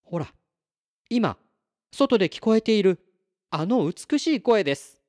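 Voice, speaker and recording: A man's voice: high-pitched, measured pace, voice pushed up. Kiras, a man doing a polite star boy. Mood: earnest. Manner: formal, courteous, calm. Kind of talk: storybook read-aloud.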